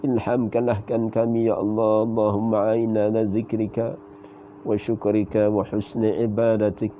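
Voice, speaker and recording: A Malaysian man with a Malaysian Malay accent leading the closing supplication of a sermon, reciting prayers in a steady chanting flow. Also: on the low side, normal speed. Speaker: religious teacher leading prayer. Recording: muffled lo-fi audio with faint hiss.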